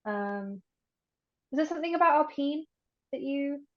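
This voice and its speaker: A woman's voice: high-pitched, animated, normal speed. A young woman chats casually as a podcast co-host. She hedges her points and fills gaps with "um". The audio is dull and lo-fi. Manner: chatty, hedging, many fillers. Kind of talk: casual chat.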